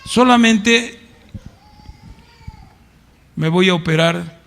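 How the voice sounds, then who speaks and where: A middle-aged Mexican pastor preaches in church with a high, gravelly voice. He speaks in a Mexican Spanish accent and talks to the congregation as if in conversation, often turning to them with questions. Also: drawn-out words, a bit bright. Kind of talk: sermon.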